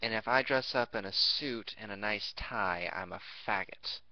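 A man's voice: lowish voice, normal speed, dry recording. Crude joking young man on a lo-fi recording. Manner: jokey, crude, puts on silly voices. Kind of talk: rambling comedic vlog rant.

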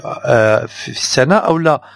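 A man's voice: medium pitch, rapid-fire, vocal fry. A man, teaching English by reading out the answers of a test and explaining points in Darija. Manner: reads answers aloud, switches to Darija to explain. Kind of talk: test correction lesson.

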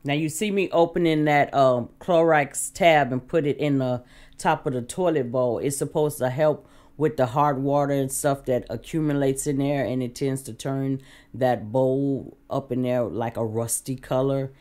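A woman's voice: very deep voice, fairly even intonation, moderate pace, a little mellow. A middle-aged woman vlogger talking casually over a clean-with-me video, in a folksy way with many fillers. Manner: chatty, folksy product talk with fillers. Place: home bathroom.

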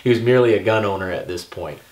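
A man's voice: on the low side, fast talker. A young man giving an emphatic talk straight to the camera as a firearms instructor, checking in often with "okay" and "all right".

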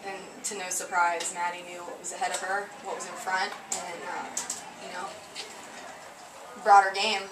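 Woman, softball coach, quick monotone answers, roomy, mic far off, loud ambience. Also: on the low side. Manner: quick, steady answers with many "you know"s. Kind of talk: postgame interview. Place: small wooden press box at a ballfield. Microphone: headset mic. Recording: echoey, distant, loud outdoor noise.

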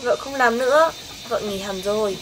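A woman's voice: fairly high pitch, moderate pace, a bit bright, slight background noise, natural voice. A woman playing an indignant young wife in a comedy sketch, scolding and blunt. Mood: resentful. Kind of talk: amateur comedy sketch acting.

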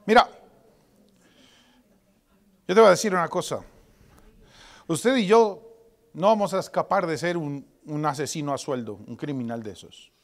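Man in his forties, pastor preaching in church, fairly high voice, dramatic, loud bursts then whispers. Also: normal speed, long pauses. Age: 40s. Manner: dramatic, swinging from loud outbursts to hushed whispers. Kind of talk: sermon.

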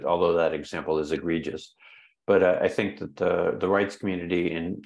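Gravelly deep-voiced older man. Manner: measured, repeats words while thinking. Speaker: guest. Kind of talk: conference interview answer. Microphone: webcam video call.

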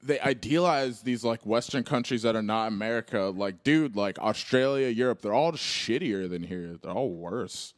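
Deep-voiced sarcastic young man. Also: expressive, moderate pace, hardly any pauses, no echo, clean studio sound. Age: 20s. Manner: blunt, sarcastic, lots of fillers. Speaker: podcast co-host. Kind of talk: casual chat.

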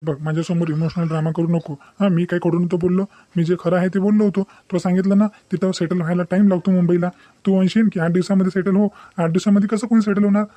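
A man's voice: high voice, flat delivery, warm tone, no room sound, close to an everyday voice. A man voicing a young, deceitful, bossy boyfriend in a cartoon, dismissive and threatening. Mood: taunting. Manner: dismissive, taunting, fast-talking. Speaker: cartoon character. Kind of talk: Marathi cartoon voice acting.

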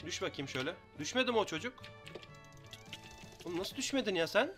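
Fast, bright-voiced young gamer man. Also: high voice, faint music behind. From Turkey. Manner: fast excitable banter, taunting opponents. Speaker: gaming YouTuber. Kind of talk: live Minecraft gameplay commentary.

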